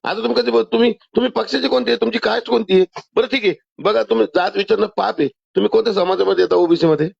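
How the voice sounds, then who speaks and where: Heard over a muffled, low-fidelity phone line, a man's husky voice sits high and carries vocal fry. He speaks fast with few pauses, a Maharashtrian accent coloring his words as he insistently argues and interrupts.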